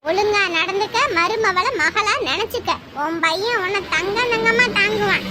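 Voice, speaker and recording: A woman playing a stern scolding woman, high and noisy. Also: normal speed. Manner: scolding, lecturing, menacing. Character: stern woman threatening a cruel mother-in-law. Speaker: woman scolding a cruel mother-in-law. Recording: noisy background.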